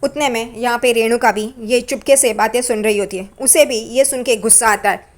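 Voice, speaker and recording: A woman's voice: on the high side, fairly even intonation, brisk. A woman narrating a recap of a TV serial episode in plain running narration.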